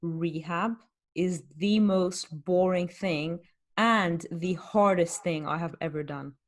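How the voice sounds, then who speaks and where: A woman's voice: on the low side, takes it slowly. A woman, a fitness coach hosting a podcast, chatting candidly and explaining things with rhetorical questions. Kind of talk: casual podcast chat.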